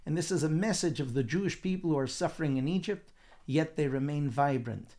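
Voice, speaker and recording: A rabbi with a fairly high voice tells a scripture story with lively storytelling energy. He often slips into the speakers' lines, acting out their quotes. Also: a little fast. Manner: animated storytelling with acted quotes. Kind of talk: weekly Torah portion talk.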